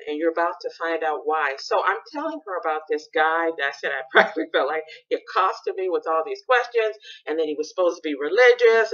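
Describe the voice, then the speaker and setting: A woman in her sixties, a podcast host, telling a story in a lively, casual way and laughing as she talks. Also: on the low side. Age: 60s. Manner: animated storyteller, laughs while talking. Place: Bradford. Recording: dull lo-fi recording.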